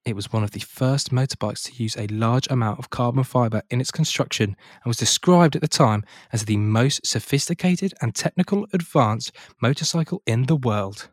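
A man's voice: medium pitch, normal speed, few pauses, no echo. A man co-hosting a podcast who presents facts steadily and adds dry jokes in a casual chat. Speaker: podcast co-host.

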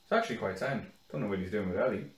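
A man co-hosting a casual podcast, telling animated stories with plenty of swearing and laughter. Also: lowish voice, rapid-fire. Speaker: podcast co-host. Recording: echoey room.

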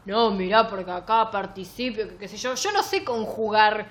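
A woman's voice: mid-range voice, normal speed. A woman with a Rioplatense Spanish accent co-hosting a podcast, chatting casually and sarcastically about books. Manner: sarcastic, animated, reads passages aloud mockingly. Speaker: podcast co-host. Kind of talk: casual book-review chat.

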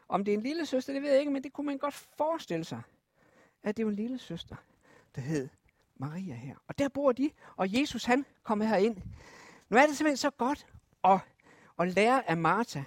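A preacher telling a Bible story to children, lively and asking the listeners questions. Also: medium pitch, no room sound, studio quality.

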